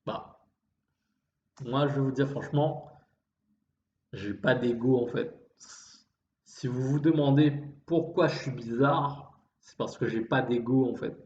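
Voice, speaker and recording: Homme créole réunionnais au débit lent et hésitant. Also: male voice, medium pitch, darkish tone. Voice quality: slightly effeminate voice. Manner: halting, with repeated false starts and trailing phrases; refined way of speaking. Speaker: vlogger. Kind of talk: introspective monologue. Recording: dull, roomy, faint background noise.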